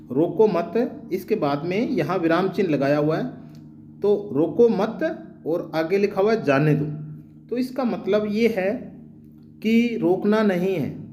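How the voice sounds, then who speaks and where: A male teacher hosting his own channel, explaining grammar slowly and patiently and repeating example phrases with changing stress. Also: sits high, a little mellow, slight background noise. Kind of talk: explanatory Hindi grammar lesson.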